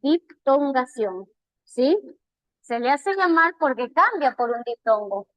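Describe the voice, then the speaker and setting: High-voiced Peruvian teacher, slow and patient. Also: female voice, expressive, fairly bright tone, no room sound, rough recording. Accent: Peruvian Spanish. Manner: patient, repeats key terms slowly. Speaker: language teacher. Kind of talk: online class feedback.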